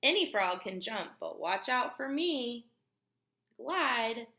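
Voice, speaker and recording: Her voice sitting on the high side, a woman reads a children's book like a classroom teacher, expressive and emphatic. She breaks off to explain things and to put questions to her young listeners, all in a roomy, echoey space.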